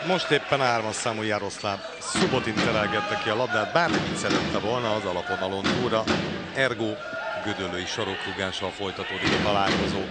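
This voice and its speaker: A man giving excited live futsal commentary with wry, joking asides. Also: lowish voice. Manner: excited, shouting as attacks build. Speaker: sports commentator. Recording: loud crowd and hall noise. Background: crowd, ball bounces, slams.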